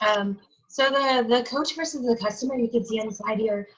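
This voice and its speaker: A woman coach explains things hesitantly on a webinar, her voice wearing thin. She speaks a little high, and the call audio comes through dull and lo-fi. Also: fairly quick. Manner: hesitant, apologetic, laughs. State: losing her voice. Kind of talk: casual webinar presentation.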